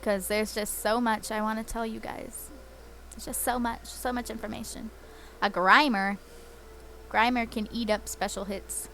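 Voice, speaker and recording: A woman's voice: fairly high pitch, fairly even intonation, measured pace, pushed and bright, slight background noise. Giggly, chatty woman commenting on her gameplay. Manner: chatty and giggly, lots of fillers. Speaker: let's play host. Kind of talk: casual game commentary.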